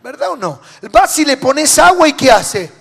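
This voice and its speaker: High-voiced Rioplatense pastor preaching. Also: male voice, big pitch swings, moderate pace, vocal fry. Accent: Rioplatense Spanish. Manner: preaching with rhetorical questions to the congregation; swings between loud declarations and low, quiet endings. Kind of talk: sermon. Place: large church hall. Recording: reverberant church hall.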